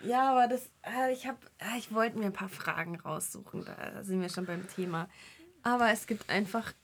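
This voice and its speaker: A woman chatting casually on a podcast, reacting quickly and teasing her co-host. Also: mid-range voice. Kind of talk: casual chat.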